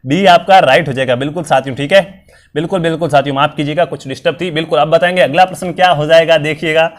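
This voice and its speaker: A man's voice: on the high side, steady tone, fast. A young man, his voice strained and worn, teaching a live online quiz class and quizzing students over and over in an upbeat way. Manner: repetitive, upbeat quizzing with frequent fillers. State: strained, worn voice from illness and long talking. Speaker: online exam-prep teacher.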